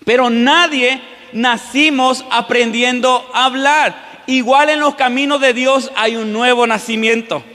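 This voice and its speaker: Male pastor, sermon, questions to the congregation, sharp bright tone, long hall reverb. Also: very high-pitched, fairly even intonation, unhurried. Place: church.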